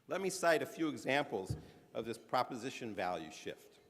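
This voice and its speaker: Speaking to an audience in a big conference hall with long reverb, a man presents a prepared speech earnestly and with measured emphasis, sometimes restarting phrases. His mid-range voice is very animated and a bit bright.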